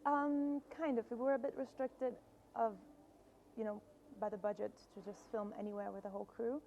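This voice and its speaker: A filmmaker from Brazil being interviewed at a film festival, answering thoughtfully with frequent pauses. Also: female voice, on the high side, fairly even intonation, gravelly, darkish tone, highs cut off, a little hiss or hum. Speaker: filmmaker guest.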